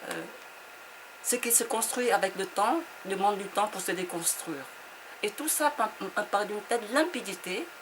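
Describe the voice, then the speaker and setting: A woman author from Vietnam, speaking in a reflective interview conversation. She hesitates and often repeats her words as she searches for them. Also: mid-range voice. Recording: noisy background.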